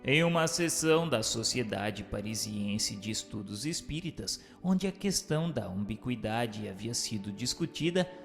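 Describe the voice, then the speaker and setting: A man with a lowish, animated voice and vocal fry reads scripted narration of a spiritist text at normal speed, barely pausing. Acting as narrator, he also poses formal questions. Music plays underneath, and a long hall reverb surrounds his voice.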